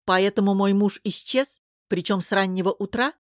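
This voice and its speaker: A woman's voice: medium pitch, moderate pace, no echo, studio quality, lightly acted. A woman voicing a sarcastic, irritated princess. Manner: sarcastic, sharp, impatient. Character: proud, irritated young princess. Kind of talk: audiobook character voice.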